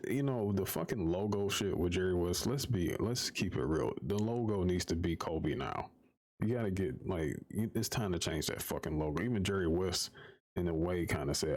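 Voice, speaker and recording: A man's voice: low-pitched, a little mellow. A man streaming live, ranting casually with profanity and exasperated repetition. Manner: profane, exasperated, repeats himself while arguing.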